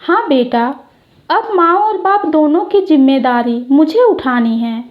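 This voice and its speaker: Woman reading as a gentle old father-in-law. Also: high voice, expressive, measured pace, narrow, tinny audio. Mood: gentle, reassuring. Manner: soft, affectionate, reassuring. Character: kind elderly widowed father-in-law, gentle and loving.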